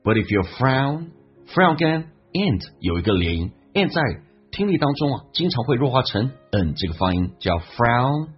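A man teaching English pronunciation and listening, explaining how words link and repeating phrases slowly as models. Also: medium pitch, sing-song, breathy edge. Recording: dull lo-fi sound with faint background music.

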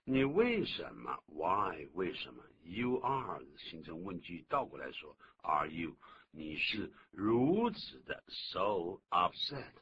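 Low-voiced older man, animated teacher. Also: slow pace. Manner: lively explaining, acts out complaints. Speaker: English teacher, radio host. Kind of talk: bilingual radio English lesson. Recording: dull lo-fi radio recording with noise.

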